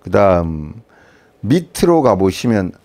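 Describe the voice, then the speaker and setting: Man, math teacher, casual lecture, lively pitch, mellow tone. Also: takes it slowly. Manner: casual, often asks the class "right?".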